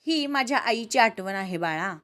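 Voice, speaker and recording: A woman's voice: a little high, lively intonation, moderate pace. Woman voicing a tender old grandmother. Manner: gentle and affectionate.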